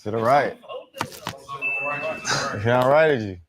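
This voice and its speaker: A man doing a casual street interview, joking and bantering loudly. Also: medium pitch, slow. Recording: crowd noise behind.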